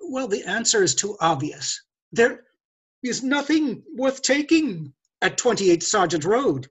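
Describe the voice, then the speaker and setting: An older man playing a glib, haughty gentleman thief in a stage play read over a video call, lecturing with theatrical condescension. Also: high-pitched, very animated, unhurried, slightly rough, full character voice. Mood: smooth condescension. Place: indoors, curtained room.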